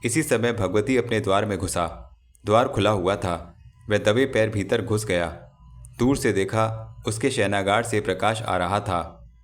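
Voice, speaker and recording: A man narrating a Hindi novel as an audiobook in a measured, dramatic storytelling manner. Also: fairly low pitch, faint music behind.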